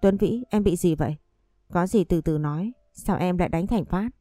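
A man's voice: sits high, moderate pace, mellow, dry recording, studio quality, soft background music, close to an everyday voice. A woman voicing a stern middle-aged father who scolds his son, in a read-aloud story. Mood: alarmed pleading. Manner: scolding, commanding.

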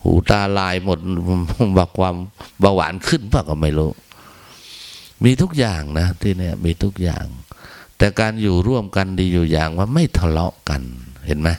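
Low gravelly man giving a crude, joking Dhamma talk. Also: a little mellow. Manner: earthy, crude, joking, acts out quoted people in raised voices. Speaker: Buddhist Dhamma lecturer. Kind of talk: casual humorous Dhamma talk.

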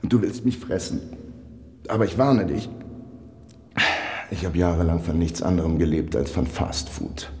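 An actor playing a frightened, sardonic man alone in the dark, colloquial and intense, in a radio drama. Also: low-pitched, animated, moderate pace, long pauses. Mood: defiant, wry. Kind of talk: dramatic radio play monologue and dialogue.

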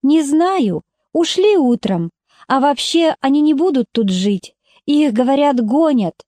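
A woman's voice: sits high, big pitch swings, a little slow, mellow, no room sound, pitched above the performer's own voice. A woman reading aloud and voicing a blunt middle-aged village neighbor who answers curtly.

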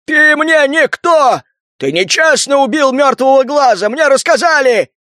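A man voicing a hulking, hostile crocodile mutant gang boss who talks gruffly and picks fights. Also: very high-pitched, lively intonation, unhurried, bright, forceful tone, no room sound, studio quality, voice pushed up, exaggerated voice. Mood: defiant. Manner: gruff, belligerent, challenging.

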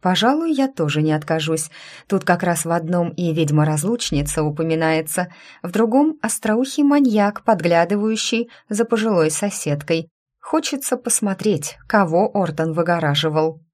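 A woman's voice: lowish voice, animated, moderate pace, darkish tone. A woman voicing a chatty, breezy young female witch with a perky, lilting delivery. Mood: amused.

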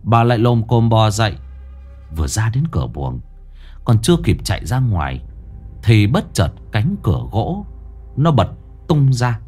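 A man's voice: on the low side, very animated, normal speed, pauses often, mellow, soft background music. A man narrating a ghost story with dramatic, swinging delivery.

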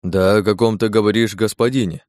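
A man's voice: fairly low pitch, fairly even intonation, fairly quick, a little mellow, no echo, studio quality, natural voice. A man voicing a wary old village priest. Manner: hesitant, subdued. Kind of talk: audiobook character voice.

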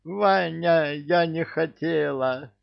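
Мужчина пищит истеричной рыдающей женщиной. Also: male voice, a little high, takes it slowly, creaky, pitched above the performer's own voice, exaggerated voice. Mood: wailing. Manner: wailing, pleading. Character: hysterical weepy middle-aged woman. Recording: dull dry recording.

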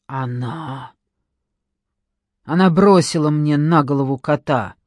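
A man's voice: fairly high pitch, slow pace, a little mellow, no room sound. A man reading an audiobook, voicing a frightened captive who pleads and stammers. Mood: explaining.

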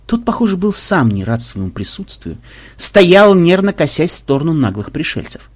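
A man narrating a story aloud in a lively, ironic audiobook style. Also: fairly high pitch, moderate pace. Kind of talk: expressive audiobook reading.

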